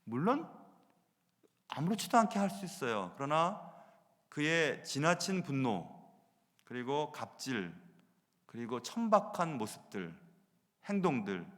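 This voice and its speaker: A man preaching a sermon as pastor, animated, moving between loud emphasis and hushed asides. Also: mid-range voice. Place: church sanctuary. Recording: long reverb of a church hall.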